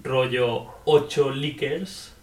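A man's voice: medium pitch, steady tone, extremely slow. A man co-hosting a casual game review podcast, joking, swearing and laughing often. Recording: roomy, a bit far from mic.

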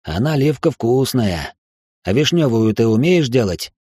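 A woman voicing a playful, good-humored nobleman in an audiobook, speaking low and teasing. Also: sing-song, measured pace, dark tone, husky, dry recording, studio quality, exaggerated voice.

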